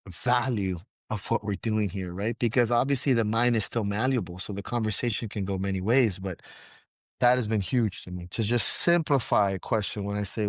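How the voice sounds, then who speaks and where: A man who owns a gym and coaches, talking in a casual podcast interview, blunt and profane and quick to laugh. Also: lowish voice, no echo, clean studio sound.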